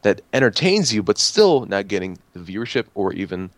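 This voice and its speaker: A man's voice: fairly low pitch, sing-song, fairly quick, no room sound. A young man co-hosting a casual gaming chat, earnest and full of questions. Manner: earnest, asks many questions. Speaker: podcast co-host, gaming YouTuber.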